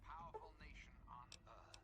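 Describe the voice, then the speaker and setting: Actor as a grandiose, higher-pitched radio president. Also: male voice, natural voice. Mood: solemn, grandiose. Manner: oratorical, measured, solemn. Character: folksy, grandiose male president addressing the nation by propaganda radio. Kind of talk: scripted political radio address.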